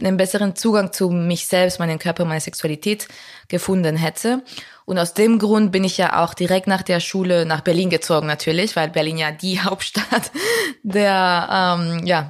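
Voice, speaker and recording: A young woman from Spain, speaking German in a candid interview, reflective and full of fillers and restarts. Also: on the low side. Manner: reflective, many fillers and restarts, laughs often. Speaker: guest.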